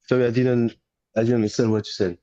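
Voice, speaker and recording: A man's voice: medium pitch, level tone, fast talker, warm tone. A man from France joins a livestream as a call-in guest over crackly call audio that keeps cutting out, speaking hesitantly and asking for things to be repeated. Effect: crackly call audio that cuts out. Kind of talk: casual call-in talk. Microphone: headphones over an online call. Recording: dull, distant call-in line.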